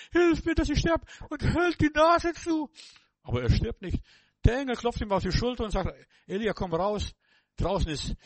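A man with a high voice preaches a sermon in a dry recording, addressing the listener directly. He's emphatic and repetitive, shifting between loud exclamations and hushed passages.

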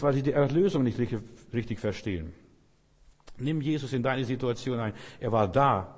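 A male preacher giving a fervent sermon, dropping to soft murmurs and rising to loud outbursts. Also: mid-range voice. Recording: long hall reverb.

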